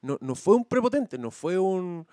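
A man's voice: high-pitched, a little slow, no echo, clean studio sound. Slangy Chilean man telling a story. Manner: animated, slangy, swears freely, grows loud telling the story. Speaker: podcast co-host. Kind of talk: casual storytelling chat.

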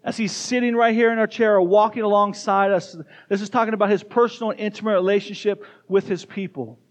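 A man with a high voice preaches a lively sermon in a church. He talks in quick bursts and calls straight out to the kids and the whole congregation. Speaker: pastor. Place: church sanctuary.

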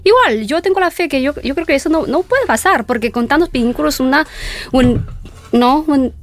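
A fairly high-voiced Chinese woman speaks Spanish with a Madrid accent, her first language being Chinese. She chats casually as an interview guest, pausing to search for words and phrasing things the way a non-native speaker does. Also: animated. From China.

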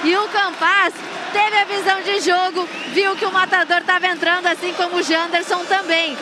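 A woman's voice: very high voice, flat delivery, normal speed. A woman recapping plays as a reporter on a live football broadcast. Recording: noisy stadium broadcast with crowd.

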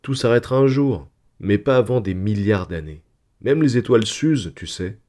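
A man's voice: lowish voice, animated, moderate pace, a little mellow, lightly acted. A man reading a hearty, confident father. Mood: reassuring. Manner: hearty, emphatic reassuring delivery. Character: cheerful, confident father reassuring his family.

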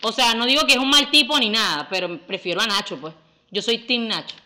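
A woman co-hosting a casual podcast, with a bright voice pitched a little high. She is lively and emphatic, and she leans hard on playful slang. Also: fairly quick. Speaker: podcast co-host. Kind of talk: casual chat.

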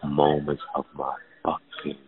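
A man in his forties with an extremely deep voice speaks as a guest in a loose podcast chat. His talk is blunt and profane, addressing the listener as "fam", and he sinks into a low murmur on painful points. The sound is thin and narrow, as if over a phone line. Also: monotone, a little slow. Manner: drops to a hushed, low murmur when telling something painful.

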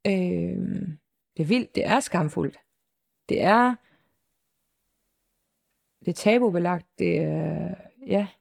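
An interviewed mother recounts her own story in a personal interview, hesitant and circling back with lots of fillers but still composed and matter-of-fact. Her voice sits on the low side, a little mellow, with vocal fry and long pauses.

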